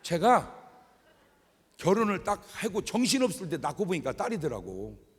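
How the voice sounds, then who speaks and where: A middle-aged man preaching a revival sermon as pastor, joking and acting out scenes in an animated way, in a large church sanctuary with an echoey hall. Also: high-pitched, normal speed, slightly rough. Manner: animated, joking, acts out wailing mourners. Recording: echoey hall with long reverb.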